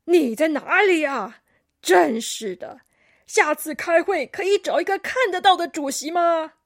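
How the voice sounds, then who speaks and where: A woman's voice: sits high, lively intonation, unhurried, voice pushed up. A woman voicing a grumpy, proud old male koala who scolds everyone, in a children's storybook. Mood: grumbling.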